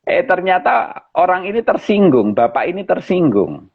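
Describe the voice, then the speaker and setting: A man, a pastor, telling a personal story in an animated way during a live interview. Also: high voice, normal speed, gravelly, breathy edge. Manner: animated storyteller, addresses listeners as brothers and sisters. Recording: dull lo-fi live-stream audio.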